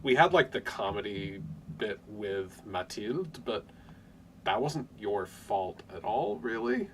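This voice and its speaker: Low-voiced man musing as game master. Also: lively intonation, slow, slight background noise. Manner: musing, hedging with fillers, laughs often. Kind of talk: out-of-character tabletop game chat.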